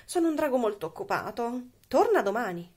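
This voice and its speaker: A woman's voice: on the high side, big pitch swings, a little fast, darkish tone, husky. A woman voicing a bored, greedy male dragon in a storybook reading, brusque and dismissive.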